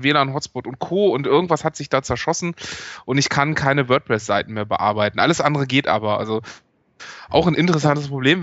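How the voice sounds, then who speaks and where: A man's voice: mid-range voice, a bit bright, dry recording. A man hosting a podcast, chatting casually and hesitantly, with many filler sounds. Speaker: podcast host. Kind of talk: casual chat. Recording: dull lo-fi dry sound.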